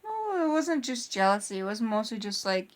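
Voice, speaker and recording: In a couple's vlog, a young woman rambles through casual chat, restarting often and leaning on fillers. She's a young adult vlogger whose fairly high voice swings widely in pitch at a moderate pace.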